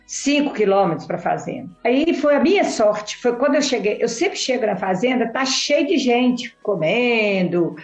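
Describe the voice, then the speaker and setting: A woman telling a story in casual chat, animated and acting out quoted dialogue. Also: on the high side, moderate pace, few pauses, soft background music. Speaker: podcast guest. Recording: echoey room, slightly dull sound.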